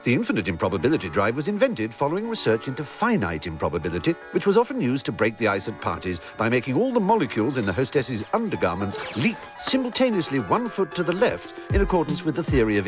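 An actor as an erudite guide narrator, reading scripted comic narration in a dry, articulate way. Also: male voice, medium pitch, far from the mic, close to an everyday voice.

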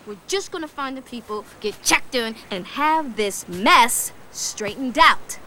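A woman voicing a bossy, motherly animal in an animated comedy film, sassy and taking charge. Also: on the high side, measured pace, background noise. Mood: firm. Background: loud music.

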